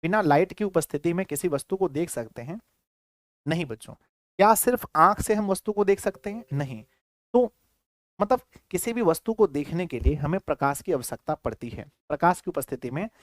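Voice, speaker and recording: A man's voice: fairly high pitch, animated, fairly quick, no echo. A man with a Bihari Hindi accent teaching a class, repeating himself and quizzing his students. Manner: repetitive, keeps quizzing students. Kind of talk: classroom lecture.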